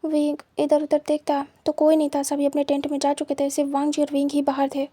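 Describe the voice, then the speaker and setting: A woman narrating a fan story in a steady, plain retelling manner. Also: high voice, quick pace, no echo.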